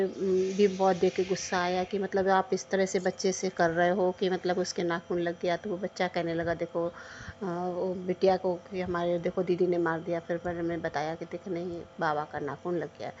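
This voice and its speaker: A middle-aged woman tells the congregation about her devotional experiences, earnest and full of pauses and restarts. Her voice sits a little low and stays flat in tone. The recording sounds slightly dull and lo-fi. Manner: hesitant, many fillers and restarts. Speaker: devotee sharing a testimony.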